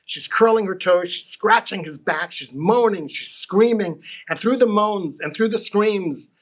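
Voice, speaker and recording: A man tells jokes in a storyteller's way, his voice sitting a little high. He builds each setup steadily, then slows down to land the punchline. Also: a bit bright. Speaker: joke teller. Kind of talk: telling jokes to camera.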